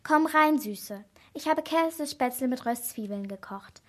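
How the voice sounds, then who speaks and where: A woman's voice: sits high, lively intonation, a little slow. A woman reading the lines of a friendly, caring mother in a children's crime story. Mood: affectionate. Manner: friendly, affectionate. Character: warm caring mother of a girl.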